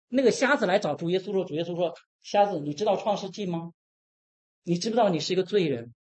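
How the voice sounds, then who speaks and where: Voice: medium pitch, a little mellow, husky. A preacher delivering an emphatic sermon, asking the congregation rhetorical questions and acting out scripture dialogue.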